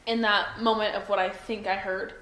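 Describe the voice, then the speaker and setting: A woman's voice: mid-range voice, little pitch movement, normal speed, a bit bright. A young woman being interviewed by police, hesitant and full of ums and self-doubt. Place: interview room. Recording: echoey room, faint noise.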